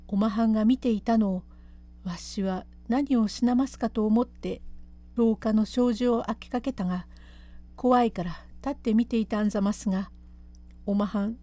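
A woman voicing an anxious woman attendant in an old pleasure house, urgently coaxing a courtesan to calm down in quarter speech. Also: on the high side, close to an everyday voice.

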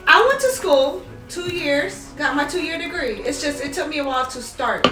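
Female, high-pitched casual chatter, echoey room, faint music underneath. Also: animated, moderate pace, pushed and bright, recorded from a distance. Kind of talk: casual group chat.

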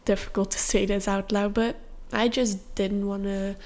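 A young woman hosting a podcast and telling a personal story in a candid, confessional way, with soft fillers. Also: mid-range voice, level tone, moderate pace. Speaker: podcast host.

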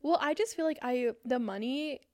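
A woman's voice: high-pitched, moderate pace, darkish tone. A woman in her twenties co-hosting a podcast, chatting candidly and hesitantly, swearing freely. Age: 20s. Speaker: podcast co-host. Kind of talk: casual chat.

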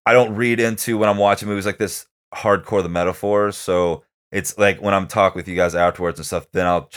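A podcast movie reviewer with a very deep, smooth voice chats casually about a film he enjoyed. His relaxed talk rambles and halts, circling back on itself and packed with fillers like "um" and "like."

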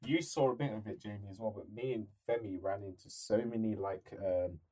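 A man's voice: lowish voice, a little fast, warm tone. A young man, recalling trips in an easygoing podcast chat, often laughing through his stories. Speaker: podcast co-host. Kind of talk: casual chat.

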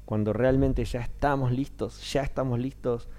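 A man's voice: mid-range voice, normal speed. A man in his thirties, a stage actor with a Rioplatense Spanish accent, talking casually in an interview and acting out the voices of people he quotes. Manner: animated storyteller, acts out quoted voices.

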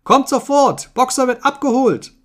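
Old male donkey, voiced by a man, shrill, frantic, shouting, storybook reading. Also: normal speed.

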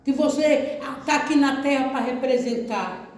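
A woman's voice: high voice, unhurried, a little mellow, slight background noise. A woman pastor from Brazil preaching a sermon emphatically, repeating phrases and calling out to the congregation for an amen. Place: church service. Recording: very echoey church hall.

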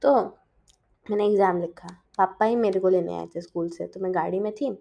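A woman's voice: medium pitch, steady tone, fairly quick, creaky, mellow. A teenage girl chatting casually in a diary-style vlog, mixing in English and often correcting herself mid-sentence. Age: teens. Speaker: vlogger.

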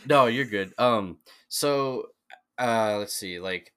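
Low-voiced young man rambling casually. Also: slow, fairly bright tone, smooth. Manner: rambling, many fillers and restarts. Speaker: podcast guest. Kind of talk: casual chat.

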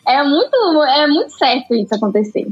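A woman with a Brazilian Portuguese accent, a photographer chatting casually as a podcast guest, talkative and animated with lots of fillers. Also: high-pitched, fairly quick, dull audio, faint music behind.

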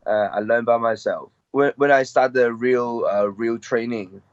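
A young man with a Hong Kong accent, a guest MMA fighter, speaks in a medium-pitched voice during a casual interview. His English is non-native, halting and hesitant, full of fillers, and the lo-fi recording sounds dull and dry with no echo.

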